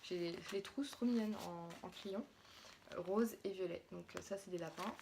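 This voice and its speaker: A woman's voice: fairly low pitch, moderate pace, gravelly, noisy background. A young French woman, a mother, chatting casually through a haul of her daughter's clothes with plenty of fillers and restarts.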